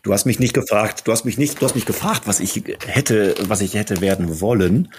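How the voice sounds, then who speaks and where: A man in his fifties, a managing director as podcast guest, speaking in a measured, reflective way with restarts. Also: fairly low pitch, slight background noise. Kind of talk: thoughtful podcast conversation.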